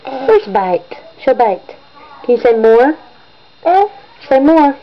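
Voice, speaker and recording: A woman's voice: fairly high pitch, expressive, slow pace, muffled recording. A mother coaxing her baby in sing-song baby talk, repeating simple words over and over on a home video.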